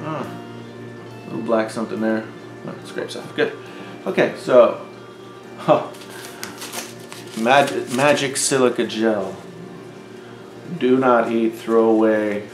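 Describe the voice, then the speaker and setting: A man's voice: mid-range voice, fairly even intonation, slow pace, long pauses. A man in his forties talking casually in a wry, chatty way, speaking straight to his viewers in an unboxing vlog. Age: 40s. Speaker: tech YouTuber host. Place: home room. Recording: roomy echo with faint music.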